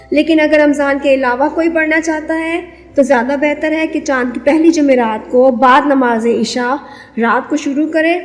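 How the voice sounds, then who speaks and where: A woman giving measured religious instruction, explaining devotional prayers and telling moral stories. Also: sits high. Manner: measured, didactic, repeats prayer counts. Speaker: Islamic devotional speaker. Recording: long reverberant echo.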